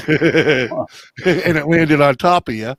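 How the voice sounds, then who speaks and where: A man chatting casually on a live stream, his voice sitting a little high for a man. He rambles and keeps tossing in "you know". The sound is dry and close, with no room around it. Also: takes it slowly, a bit bright, no echo. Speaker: panel guest.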